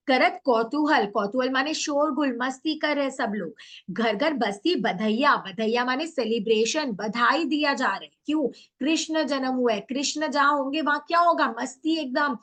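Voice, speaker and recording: A woman teacher with a fairly high voice walks her online class through a poem, one line at a time. She tosses in English terms and keeps asking questions, then answers them herself. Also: a bit bright. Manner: mixes English words into Hindi. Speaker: Hindi teacher.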